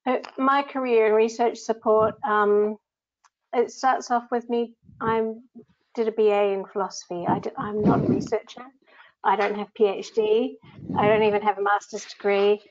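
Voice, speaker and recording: A grants manager with a New Zealand accent presents slides in a webinar over a video call, and the audio sounds slightly dull. Her medium-pitched voice is steady and a little mellow, at a moderate pace. She keeps it conversational and says um often.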